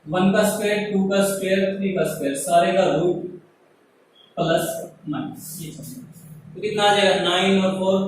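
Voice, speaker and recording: A man's voice: high-pitched, slight background noise. A man teaching a maths lesson step by step, asking his class questions as he goes. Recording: very echoey room, voice from far off.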